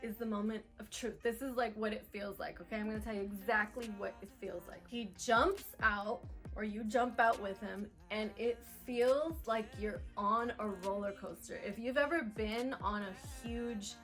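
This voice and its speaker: A young adult woman telling a personal story to camera in a chatty, animated vlog style. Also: mid-range voice, moderate pace, faint music behind. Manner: chatty, animated, lots of "like" and "oh my gosh". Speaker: vlogger.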